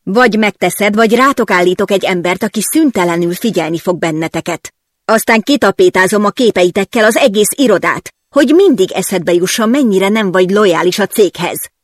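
An audiobook narrator voicing an angry, impatient male newspaper boss who barks commands and yells. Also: mid-range voice, lively intonation, no echo, studio quality, natural voice. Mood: yelling.

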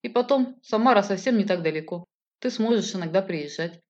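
An emotional grown man, rushing through heated, pleading lines, as a woman reader puts him on. The pitch sits mid-range, and the recording sounds slightly muffled and lo-fi. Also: expressive, a little mellow, natural voice. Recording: slightly dull lo-fi audio.

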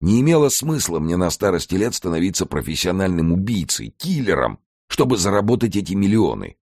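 A man voicing a gruff, blunt older male artist in an audiobook. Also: sits low, very animated, brisk, darkish tone, no echo, studio quality, voice pushed up, full character voice. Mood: stern. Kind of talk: audiobook character voice.

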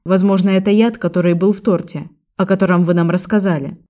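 A woman's voice: fairly low pitch, fairly even intonation, a little fast, warm tone, close to an everyday voice. A woman voicing a male police officer who speaks in a formal, matter-of-fact way.

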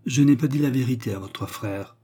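A man's voice: mid-range voice, normal speed, mellow, husky, voice pushed up, natural voice. A man voicing an earnest, lovesick young baronet in a read-aloud classic story, speaking in a pleading, heartfelt way. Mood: tender.

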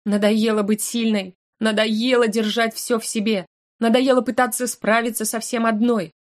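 A woman's voice: fairly high pitch, level tone, normal speed, close to an everyday voice. Audiobook: tearful, huffy young woman student, a woman reader puts her on. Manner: sobbing, indignant outbursts. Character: tearful young female magic-academy student.

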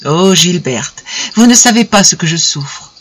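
A reader voicing an earnest young lover. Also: male voice, sits high, lively intonation, a little slow, fairly bright tone, husky, exaggerated voice. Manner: earnest, pleading. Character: young man in love, earnest and tormented.

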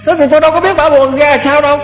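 An older Buddhist monk gives a folksy sermon, often repeating words. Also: male voice, very high-pitched, steady tone, very fast, slight background noise. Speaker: Buddhist monk giving a dharma talk. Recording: echoey hall, dull lo-fi, faint music.

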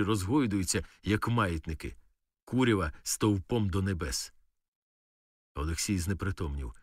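Man, audiobook narration, steady matter-of-fact telling, low voice, dry close sound. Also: no echo, recorded from a distance. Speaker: audiobook reader. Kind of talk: audiobook narration of a war novel.

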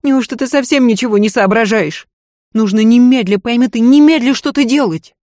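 Woman doing hysterical high-strung noblewoman. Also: moderate pace, a little mellow, no room sound, clean studio sound, natural voice. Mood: furious. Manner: shrill, screaming, sobbing outbursts. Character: hysterical noblewoman, proud, bitter, volatile.

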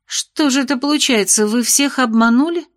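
Woman reading young woman student, anxious, grumbling, higher-pitched voice. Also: moderate pace, natural voice. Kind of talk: audiobook character reading.

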